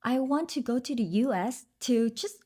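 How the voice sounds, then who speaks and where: A Vietnamese woman guesting on a podcast speaks English with a Vietnamese accent in a casual interview chat. Her voice sits on the high side, mellow and lively in intonation. She's unhurried, laughs often, and uses fillers and restarts.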